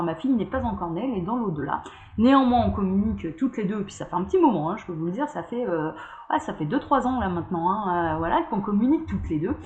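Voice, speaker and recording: A woman's voice: medium pitch, muffled recording. A woman hosting her own channel, giving a casual spoken tarot card reading and chatting straight to her viewers. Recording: echoey room with faint background noise.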